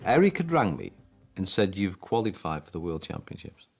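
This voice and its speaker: A man's voice: low voice, big pitch swings, moderate pace, gravelly, slightly rough, faint music behind. A man in an interview, telling anecdotes and acting out remembered conversations. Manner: anecdotal, acts out quoted dialogue. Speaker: interviewee, former player. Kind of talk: storytelling interview.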